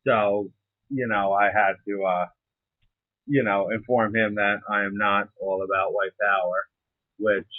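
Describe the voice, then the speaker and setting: Young guy, lowish voice, casual and halting, swears a bit, tinny dry phone sound. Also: level tone, no room sound. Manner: informal, hesitant, mildly profane. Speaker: interview participant, serving soldier. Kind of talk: casual interview conversation. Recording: muffled narrow phone-like line.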